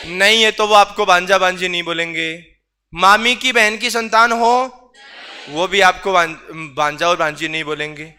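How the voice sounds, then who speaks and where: A man's voice: high voice, normal speed, bright, forceful tone, clean tone. A man teaching a class, quizzing students with repeated questions and teasing asides. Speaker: reasoning teacher. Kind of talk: online class lecture.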